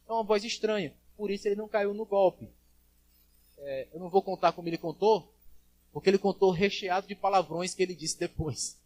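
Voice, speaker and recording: A man preaching a sermon as pastor at a church service, swinging from loud calls to quiet asides and acting out the voices he quotes. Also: sits high.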